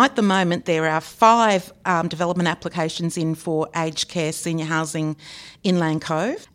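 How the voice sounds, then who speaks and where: A woman, co-hosting a local news podcast in a chatty, upbeat way. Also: lowish voice. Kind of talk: casual chat.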